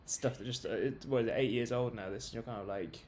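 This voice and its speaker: A man's voice: medium pitch, fast talker, darkish tone, slight background noise. A man chatting casually on a film review panel, rambling and retelling scenes with lots of fillers over a video call. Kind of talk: casual roundtable chat.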